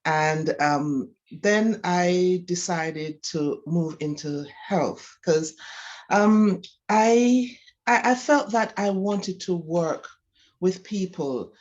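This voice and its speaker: A Jamaican-accented woman, a physiotherapist guest, answers interview questions, explaining things and talking about herself. Her lowish, darkish voice is expressive with drawn-out words, and the highs are cut off.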